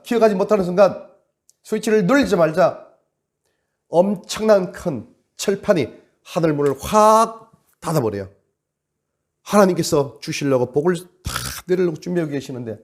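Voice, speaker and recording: A man's voice: a little high, darkish tone. A male pastor preaching a sermon, dramatic, acting out quoted prayers and stretching words for emphasis.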